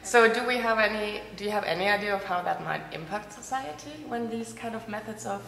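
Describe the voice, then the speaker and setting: A woman's voice: medium pitch, lively intonation, a little fast, creaky, a bit bright. A woman interviewer asking questions, restarting her phrasing as she goes. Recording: echoey hall, faint noise.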